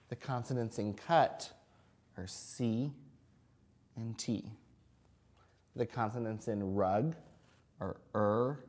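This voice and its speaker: Slow-paced man teaching young children. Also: lowish voice, a little mellow. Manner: speaks simply and encouragingly, as if to a small child; sounds out and spells words letter by letter. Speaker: kindergarten reading teacher. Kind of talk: phonics lesson addressed to young children. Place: indoors at an interactive whiteboard.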